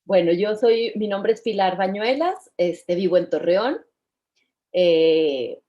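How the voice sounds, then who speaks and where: A woman's voice: mid-range voice, expressive, slow, mellow, dull audio. A woman in her fifties from Mexico, chatting cheerfully as an interview guest and laughing often. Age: 50s. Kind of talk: casual interview chat.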